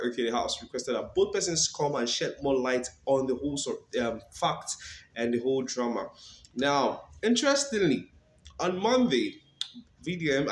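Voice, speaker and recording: A man's voice: medium pitch, roomy sound, a little hiss or hum. A Nigerian man hosting a legal commentary channel, talking casually and animatedly, often saying "come on".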